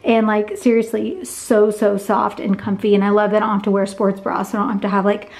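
A woman's voice: mid-range voice, flat delivery, fairly quick, noisy background. A young adult woman and pregnant mom chatting casually to the camera in a vlog, full of fillers and "like". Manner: chatty, filler-heavy, peppered with "like".

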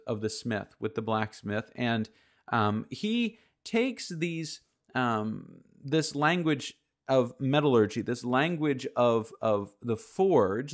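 A man in his forties preaches a recorded sermon from a home office. He speaks close to a studio microphone, earnest and explanatory, often pausing with fillers and restarting his sentences. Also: medium pitch, a bit bright. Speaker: pastor. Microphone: studio microphone with headphones, close.

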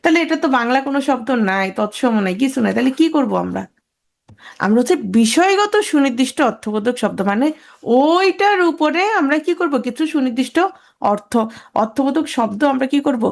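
A woman teacher giving an online grammar lecture, asking her students questions and answering them herself, and repeating key words slowly for emphasis. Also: sits high, expressive, vocal fry.

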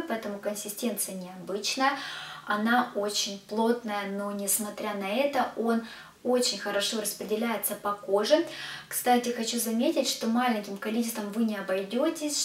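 A chatty woman beauty vlogger reviews body care products and talks to her viewers as girls. Her voice sits in a middle register and sounds a little distant from the mic. The room around her is echoey. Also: mid-range voice.

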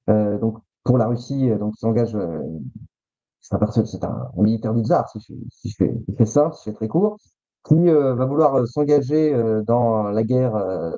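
A man, a guest author, telling history stories in a halting way, often restarting his phrases and teasing suspense. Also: mid-range voice, warm tone, dry recording, dull audio. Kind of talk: storytelling history chat.

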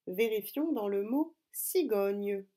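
Slow careful lady teacher doing a kids phonics lesson, warm mellow tone. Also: medium pitch, expressive. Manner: slow, clear, deliberate teacher talk addressing pupils. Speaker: primary school teacher.

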